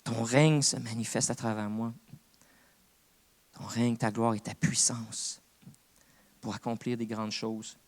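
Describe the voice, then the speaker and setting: A man's voice: mid-range voice, fairly even intonation, takes it slowly, pauses often. A man with a Québécois French accent, preaching a sermon as co-pastor in an earnest, conversational way. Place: church.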